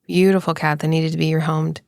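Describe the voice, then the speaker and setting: A woman co-hosting a casual podcast, teasing and expressive. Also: low-pitched, fast talker, creaky, clear, resonant tone, no echo, clean studio sound. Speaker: podcast co-host. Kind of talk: casual chat.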